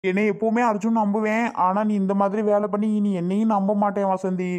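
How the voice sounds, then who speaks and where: A woman's voice: mid-range voice, little pitch movement, a little fast, a little mellow, close to an everyday voice. A woman voicing a weak-willed, guilt-ridden husband in a cartoon, fretful and hesitant. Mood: worried. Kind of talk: cartoon voice acting.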